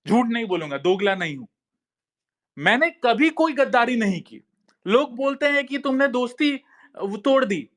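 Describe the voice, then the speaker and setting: In an online talk space, a male social media commentator with a very high, fairly bright voice launches into a heated monologue. He keeps insisting, repeats his phrases, and frequently addresses listeners as "bhai," meaning brother.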